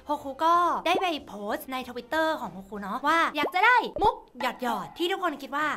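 A woman's voice: high-pitched, sing-song, normal speed, a bit bright. A woman streamer chatting casually and reading fan lines aloud, giggly and playful, laughing often. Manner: playful, teasing. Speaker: virtual streamer.

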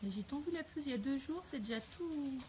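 A woman talking casually on a live home video, coaxing and scolding her dogs in an animated way. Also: high voice, fast, a little hiss or hum. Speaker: dog owner streaming live. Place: at home, indoors.

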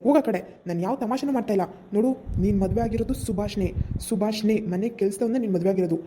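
A woman playing a fast-talking village husband. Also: medium pitch, noisy background, close to an everyday voice. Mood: scolding. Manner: brisk, scolding, then coaxing. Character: young village husband, smug then pleading. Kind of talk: comic village skit acting.

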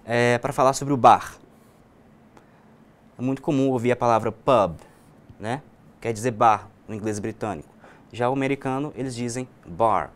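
A man with a Brazilian Portuguese accent teaching a recorded online English class, explaining each point and saying example words slowly. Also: medium pitch.

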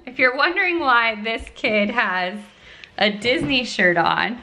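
A woman's voice: on the high side, expressive, unhurried, bright, forceful tone. A woman filming a casual home vlog, talking chattily to the camera and coaxing her toddler in a sing-song way. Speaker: mom vlogger.

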